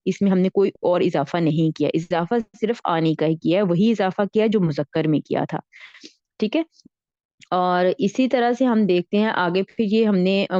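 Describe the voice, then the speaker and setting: A woman's voice: medium pitch, mellow, no room sound. Patient woman teaching grammar, muffled. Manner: patient, repeats and checks understanding often. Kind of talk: online Arabic grammar lesson in Urdu.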